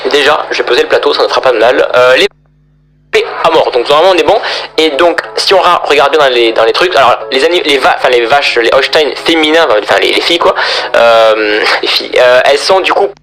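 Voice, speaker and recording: A man's voice: medium pitch, fairly quick, fairly bright tone, soft background music, poor audio. A young man hosting a gaming video, chatting casually and rambling as he plays and talks to his viewers. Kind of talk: casual gameplay commentary.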